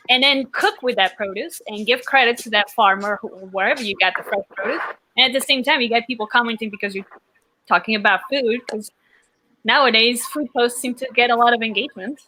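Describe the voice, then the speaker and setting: Bright-voiced woman sharing ideas. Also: on the high side, rough recording. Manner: easygoing, thinks aloud with fillers. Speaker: co-host of a realtor marketing group. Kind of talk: casual video call chat. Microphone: video call.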